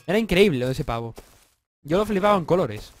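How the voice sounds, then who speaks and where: Excitable young Spanish gamer, lively pitch. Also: male voice, fast talker, background noise. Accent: Spanish from Spain. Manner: excitable, swearing, joking, bursts into yells. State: slightly congested, sore throat. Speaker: gaming YouTuber. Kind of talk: casual let's-play commentary.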